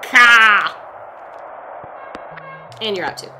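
A woman's voice: mid-range voice, animated, pushed and bright, soft background music. Teasing, swearing young woman gaming. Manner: teasing, profane, quick to laugh. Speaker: co-host playing a video game. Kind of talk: casual gaming banter. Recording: noisy background hiss.

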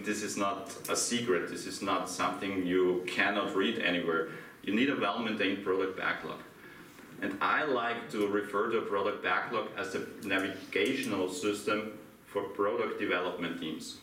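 A middle-aged Austrian man with a German accent gives an interactive conference talk, questioning a small audience and laughing lightly. His low voice carries a bright edge and a moderate pace. He was recorded from far off in an echoey room with faint hiss.

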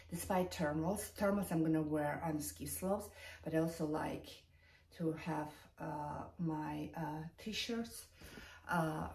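Showing items in a casual vlog chat, a fashion vlogger speaks in a low-pitched, slightly mellow voice. The setting is a large, carpeted bedroom and the camera sits a few feet away, giving a distant sound with roomy echo and light noise.

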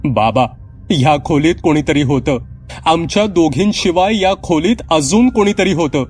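A man's voice: mid-range voice, moderate pace, faint music behind, pitched above the performer's own voice, close to an everyday voice. A man voicing a frightened young girl who insists she saw something in her room, speaking in a pleading, panicky way.

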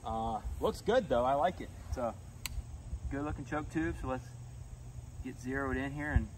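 A man's voice: medium pitch, moderate pace, slight background noise. Laid-back young man filming outdoors. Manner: laid-back, counts pellets aloud. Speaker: outdoors channel host. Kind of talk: casual shooting range vlog. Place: outdoor shooting range in a grassy field. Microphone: camera mic a few feet away. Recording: distant outdoor camera mic, faint insects.

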